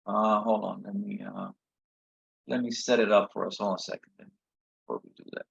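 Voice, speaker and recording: A man with a tired, worn, husky voice gives an informal review lecture as an instructor, haltingly and often checking in with short tag questions. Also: on the low side, fairly even intonation. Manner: halting, frequent checking "okay?" and "right?". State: tired, voice a little shot. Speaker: chemistry instructor. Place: online video session from a computer. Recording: slightly dull lo-fi audio.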